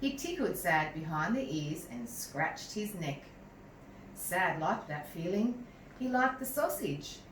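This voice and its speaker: Sounding like a teacher, a woman with a lowish voice slowly reads a children's story with lots of expressive swing, speaking to her young listeners in a measured, animated manner and adding asides to them. The recording has a roomy echo, some noise, and was picked up from a distant microphone.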